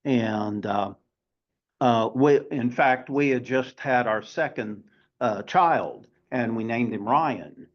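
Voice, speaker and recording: A man in his seventies teaching a class, often pausing and filling gaps with "uh" and "um". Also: medium pitch. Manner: halting, many filler sounds. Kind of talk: lecture to a class. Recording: dull lo-fi recording.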